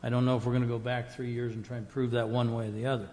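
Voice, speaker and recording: A man serving as a board member, debating in a meeting with deliberate, pointed questions. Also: medium pitch, little pitch movement, a little mellow, long reverb tail, slight background noise. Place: meeting room.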